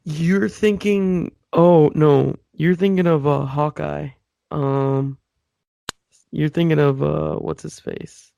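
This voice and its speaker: A man co-hosts a podcast in casual chat, dryly teasing his partner with mock insults. His voice is gravelly and mellow, a touch higher than most men, and recorded close and dry. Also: steady tone, takes it slowly, no room sound. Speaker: podcast co-host.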